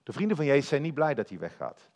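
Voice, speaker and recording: A man preaching a sermon, telling the story in a lively way and speaking directly to his listeners. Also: medium pitch, fast.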